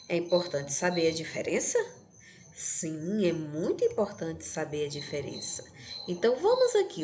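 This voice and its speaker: A woman's voice: lowish voice, slight background noise. A Brazilian woman teaching an online class to sixth graders, counting letters aloud and checking that students follow. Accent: Brazilian Portuguese. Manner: slow and didactic, counting aloud and checking understanding.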